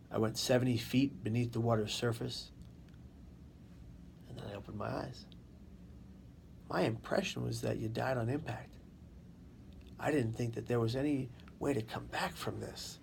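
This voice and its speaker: A man telling his own story as an interview guest, in deliberate, dramatic short phrases that he repeats for emphasis. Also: medium pitch, vocal fry, darkish tone. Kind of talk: personal testimony in an interview. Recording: faint background noise.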